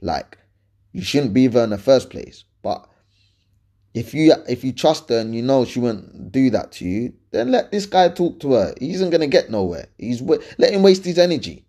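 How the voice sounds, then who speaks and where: A podcast host with an urban London roadman accent and slang answers listener questions on his casual advice show. His warm, mid-range voice swings widely in pitch at a moderate pace, and he speaks colloquially and emphatically, often repeating points and checking the listener is following.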